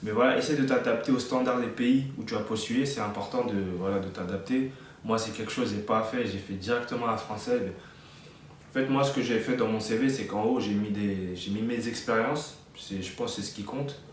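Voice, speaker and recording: A man in his twenties from France, giving casual advice in a relaxed, hesitant way with many fillers and restarts. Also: lowish voice, brisk. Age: 20s. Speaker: vlogger, front-end developer. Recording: echoey room, mic at a distance, faint noise.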